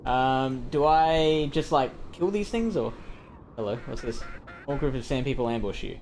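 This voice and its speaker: A man's voice: medium pitch, expressive, moderate pace, a little mellow, a little hiss or hum. A man giving casual, offhand commentary while playing a video game. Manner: offhand, muttering to himself. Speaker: game streamer.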